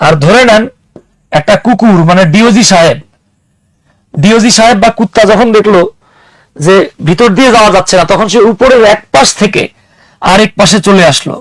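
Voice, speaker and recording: A man's voice: high voice, moderate pace, pauses often, no room sound, poor audio. A man teaching an English grammar class, explaining with everyday examples and putting questions to his students. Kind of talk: classroom lecture.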